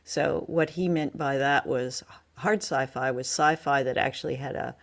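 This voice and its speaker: With a bass voice and vocal fry, this podcast co-host talks at normal speed. She keeps the review conversation casual, explaining points with hesitant wording.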